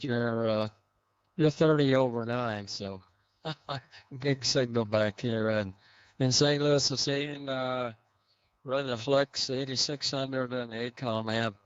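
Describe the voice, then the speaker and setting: A man checking in on a ham radio net, heard over a radio transmission, talking in a relaxed way with many pauses. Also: medium pitch, smooth, no room sound. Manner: relaxed, halting with frequent uh fillers. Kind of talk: on-air radio check-in report. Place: home radio station. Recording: dull, lo-fi radio audio.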